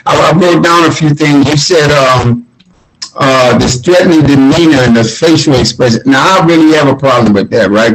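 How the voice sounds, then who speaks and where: Husky man reflecting on a video call. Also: mid-range voice, poor audio. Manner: reflective, conversational, with many fillers. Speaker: shop owner, attendee. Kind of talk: casual discussion.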